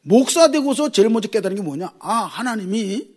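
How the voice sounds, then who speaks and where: A middle-aged man preaching a sermon as a pastor, with lots of rhetorical questions and a husky voice. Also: high-pitched, big pitch swings, brisk.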